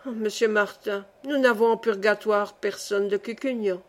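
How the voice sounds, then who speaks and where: A woman's voice: mid-range voice, fairly even intonation, moderate pace, a little mellow, natural voice. A woman voicing a grand male angel who keeps a ledger, speaking formally and asking pointed questions. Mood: solemn.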